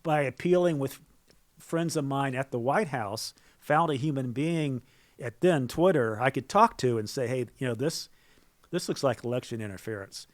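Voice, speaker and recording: A man in his fifties, a talk-show guest, speaking in a halting way with many restarts and fillers. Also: medium pitch. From Norway. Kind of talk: political talk show conversation.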